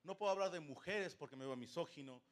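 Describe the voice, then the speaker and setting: Over noisy live-stream audio, this fast-talking man with a slightly high voice and a Mexican accent tells a vulgar, joking story as a streamer.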